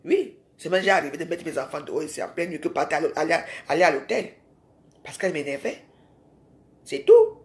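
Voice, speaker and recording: A woman's voice: low-pitched, lively intonation, quick pace. A woman ranting in a live social media video. She is confrontational and scolding and keeps firing rhetorical questions at her viewers.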